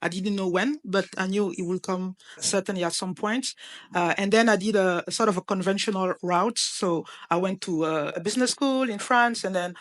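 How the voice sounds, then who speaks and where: A woman's voice: mid-range voice, moderate pace. A woman from Cameroon, a startup founder speaking earnestly on a panel with frequent hesitations. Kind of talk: panel discussion.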